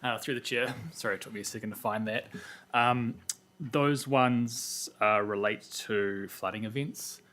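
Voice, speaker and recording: A man's voice: lowish voice, unhurried, fairly bright tone. A man with a New Zealand accent, a council staff member giving a matter-of-fact answer at a meeting.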